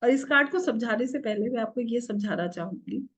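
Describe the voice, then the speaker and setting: A woman's voice: on the high side, animated, a little fast, highs cut off. A middle-aged woman teaching an online tarot workshop, asking the class questions and answering them herself, with English words mixed into her Hindi. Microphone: video call.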